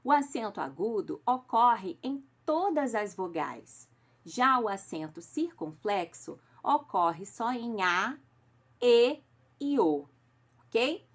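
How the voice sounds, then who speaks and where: A woman's voice: medium pitch, sing-song, slow, a bit bright. A Brazilian woman teacher correcting homework in a recorded class, patient and affectionate, explaining step by step and checking in with her pupils. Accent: Brazilian Portuguese. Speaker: schoolteacher.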